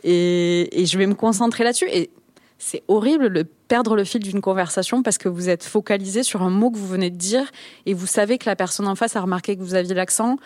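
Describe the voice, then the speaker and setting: A woman's voice: medium pitch, a little fast, a little mellow, no room sound. A woman with a southern French Toulouse accent tells her own experiences candidly and with animation. She speaks as a guest in an interview. Her voice sounds dry and close. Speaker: podcast creator guest. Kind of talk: personal testimony in interview.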